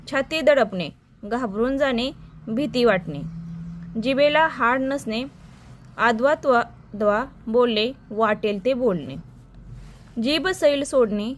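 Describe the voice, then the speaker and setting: A woman teacher reciting a list of idioms and their meanings in a slow, dictation-like way for exam preparation. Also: a little high.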